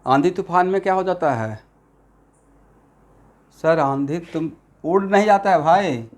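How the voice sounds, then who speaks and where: Male tutor, slightly high voice, classroom lecture, quizzes students. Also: unhurried. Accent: Assamese-influenced Hindi. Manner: mixes Hindi with English terms, asks class questions constantly. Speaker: chemistry teacher.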